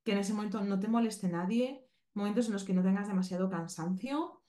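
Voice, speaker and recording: A woman's voice: mid-range voice, brisk, mellow. Spanish woman from spain teaching on a podcast, explains stuff step by step, keeps checking in, echoey room. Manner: explanatory, checks in with listeners often. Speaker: animal communication teacher. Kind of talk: podcast lesson. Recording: roomy echo.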